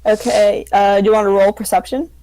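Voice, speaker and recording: A woman game master improvising casual tabletop narration in an informal, halting way. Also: mid-range voice, flat delivery, dark tone, rough recording.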